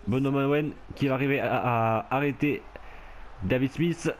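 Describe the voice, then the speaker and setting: Male gamer narrating rugby gameplay, easily worked up, mid-pitched voice, faint noise behind. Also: normal speed. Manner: excitable, shouts and laughs at the game. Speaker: gameplay commentator. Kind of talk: casual rugby video game commentary.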